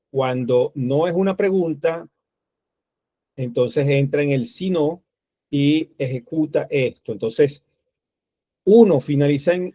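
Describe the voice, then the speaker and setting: A man with a slightly high voice and dark tone teaches a programming class in a screen-recorded coding tutorial, thinking aloud step by step as he types code. The recording is dull, lo-fi, and dry, with no room sound.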